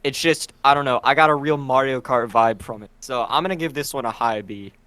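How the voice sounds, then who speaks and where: Smooth-voiced man rambling about anime songs. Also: mid-range voice, brisk, bright, forceful tone, no echo. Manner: rambling, searching for words. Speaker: podcast co-host. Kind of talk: casual chat.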